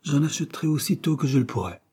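A man's voice: on the high side, animated, quick pace, dark tone, slightly rough, pitched above the performer's own voice. A man reading aloud voices a timid, polite young mother renting out rooms in a storybook. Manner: anxious, polite, eager to please.

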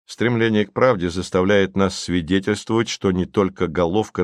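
A man's voice: on the low side, no room sound, studio quality. A man narrating an audiobook in a wry, mock-solemn storytelling manner. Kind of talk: scripted narration.

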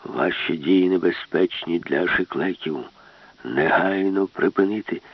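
A man doing a cold slow robot overlord. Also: low voice, no echo. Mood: commanding. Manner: slow, flat and commanding. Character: cold commanding ship robot, male. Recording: dull, lo-fi, dry.

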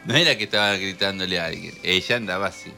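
A man with an Argentine Spanish accent hosting a radio show, talking in an animated, joking way and laughing often. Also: deep voice, fast talker, vocal fry, faint music behind. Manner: animated, laughs often while telling jokes. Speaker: radio host. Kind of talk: jokey radio talk. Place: radio studio.

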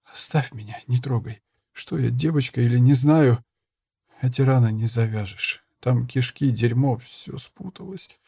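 A man's voice: medium pitch, unhurried, gravelly, warm tone, slightly rough, dry recording, clean studio sound. A man reading the part of a dying young woman crossbow fighter, speaking weakly in a faint, breathless half-whisper. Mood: weak pained. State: gravely wounded, weak.

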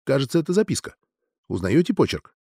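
A man's voice: mid-range voice, sing-song, fast, gravelly, dark tone, breathy edge, dry recording, exaggerated voice. A man doing a dry, stern doctor. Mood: calm, dry. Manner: dry, clipped, official. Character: stern composed male doctor, dry forensic tone.

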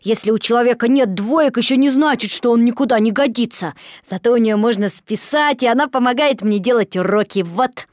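A woman's voice: fairly high pitch, fairly quick, hardly any pauses, a little mellow, no room sound, clean studio sound, close to an everyday voice. A woman voicing a young, cheerful schoolboy, chattering in a matter-of-fact way.

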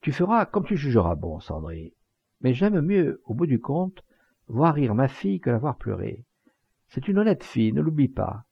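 A man's voice: medium pitch, sing-song, moderate pace, vocal fry, slightly rough, dry recording, voice pushed up, exaggerated voice. A man voicing a dignified old father, firm and plain-spoken, in a slightly muffled home recording. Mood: stern.

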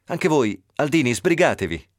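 A man's voice: medium pitch, big pitch swings, moderate pace, no room sound, studio quality, pitched above the performer's own voice, close to an everyday voice. A man reading a novel aloud on radio, voicing a commanding male surgeon who barks curt orders. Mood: urgent.

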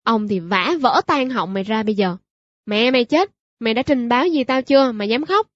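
A woman's voice: a little high, animated, a little fast, dry recording, muffled recording, natural voice. A woman voicing a bullying, greedy old male village clerk in a storybook reading, harsh and threatening. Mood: angry threatening.

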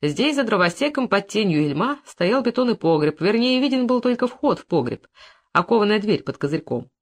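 A narrator reading a novel aloud, with varied, expressive delivery. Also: mid-range voice, brisk. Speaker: audiobook narrator. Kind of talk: scripted narration.

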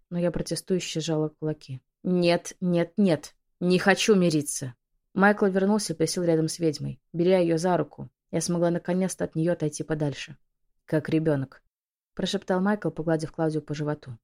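A woman reads a first-person audiobook with a somewhat low voice. Her delivery is emotional and expressive. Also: a little fast, hardly any pauses. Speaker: audiobook narrator.

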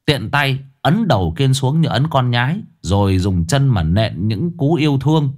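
A man narrating a comic ghost story in a lively, expressive way. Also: medium pitch, normal speed.

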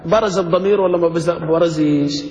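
A man, teaching a grammar lesson and quizzing his students, slowing down to spell out each example. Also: fairly high pitch, steady tone, a little mellow. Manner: asks students questions, slows to spell out examples. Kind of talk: classroom lesson. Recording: dull lo-fi recording with long reverb.

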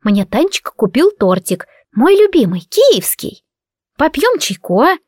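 A woman voicing a loud, creaky old woman of ninety who grumbles and drags out her words. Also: high-pitched, very animated, no echo, studio quality, pitched above the performer's own voice. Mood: coaxing. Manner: drawn-out, scolding. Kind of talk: audiobook character voice.

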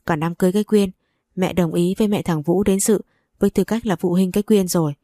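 A woman reading a brisk, fussing older mother-in-law. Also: fairly low pitch, fairly even intonation, mellow, no room sound, studio quality, lightly acted. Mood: warm. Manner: bossy, scolding, fussing.

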